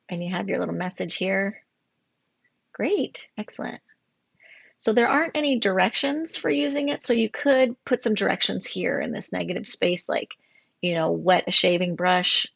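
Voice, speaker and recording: A woman with a low, gravelly voice talks through student design work in a recorded critique. She praises freely and corrects herself often along the way. The sound is dull and lo-fi, with a dry, close feel. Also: dry recording. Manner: warm, effusive praise with frequent fillers and self-corrections. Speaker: graphic design instructor.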